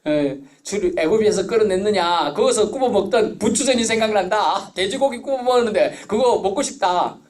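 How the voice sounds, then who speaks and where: A pastor mimicking grumbling, thirsty Israelite men who complain and demand water, in a whining, mocking tone. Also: male voice, sits high, expressive, moderate pace, few pauses, a little mellow, pitched above the performer's own voice. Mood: whiny complaining.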